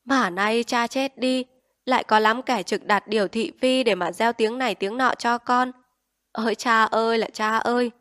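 A woman reading aloud voices a village daughter-in-law whose loud, drawn-out wail of mourning hides sharp digs at her relatives. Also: fairly high pitch, steady tone, voice pushed up, close to an everyday voice. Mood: bitter wailing. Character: bitter village daughter-in-law wailing barbed lament.

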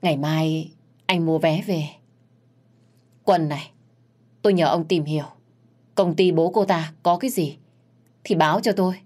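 A woman's voice: low voice, fairly even intonation, unhurried, pauses often, a little mellow. A woman voicing a widowed father who gives short, terse replies. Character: grieving widowed father, a man worried for his daughter.

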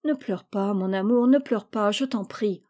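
A woman's voice: mid-range voice, a little slow, a little mellow, natural voice. A woman reading aloud and voicing an indulgent, doting noblewoman mother in a storybook, speaking tenderly and coaxingly.

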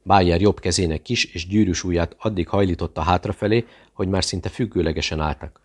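A man narrates a thriller audiobook in a steady, measured way. His voice sits very low. The reading is even and controlled.

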